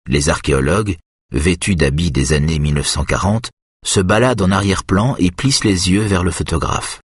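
A man narrating an audiobook in an even, measured reading. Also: low voice, breathy edge, dry recording, clean studio sound.

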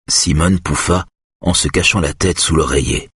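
Very deep husky male narrator. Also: no room sound, studio quality. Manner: calm, measured, intimate. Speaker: audiobook narrator. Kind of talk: first-person literary narration.

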